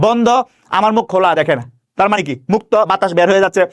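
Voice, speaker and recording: A man teaching grammar, asking questions and answering them himself and slowly stretching out example words. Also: high-pitched. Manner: stretches words slowly when demonstrating pronunciation. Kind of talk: classroom-style grammar lesson.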